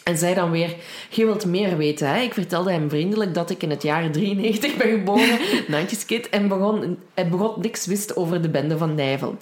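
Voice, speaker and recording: A woman with a Flemish accent, a podcast co-host, reads a listener's email aloud in a lively way and laughs between sentences. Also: on the low side, brisk, hardly any pauses, echoey room.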